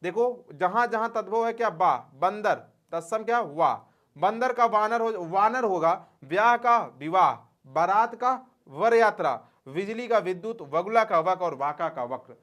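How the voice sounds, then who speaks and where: This exam-prep grammar lesson comes from a man whose high-pitched voice is expressive, a bit bright, and measured in pace. He teaches in a folksy way, answering his own questions and calling students dear friends.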